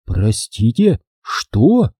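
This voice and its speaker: A man's voice: mid-range voice, huge pitch swings, drawn-out words, mellow, slightly rough, dry recording, studio quality, full character voice. Man reading as Allegra, a defiant ex-pirate captain. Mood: wary. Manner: skeptical, challenging questions. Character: former pirate captain woman, wary and defiant.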